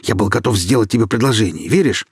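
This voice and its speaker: A man voicing a young male killer sinking in quicksand, shouting and begging in a husky voice. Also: lowish voice, animated, no echo, clean studio sound, heavily acted. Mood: manic. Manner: shouting, begging, then whimpering like a child. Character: young man, trapped killer, panicking and vicious.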